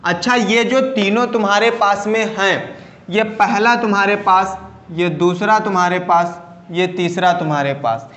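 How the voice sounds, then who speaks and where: Man, chemistry teacher, high voice, slow drawn-out delivery, repeats terms, quizzes class, echoey room. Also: fairly bright tone. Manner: repeats key terms and asks the class questions; drawls terms out slowly. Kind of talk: video chemistry lesson.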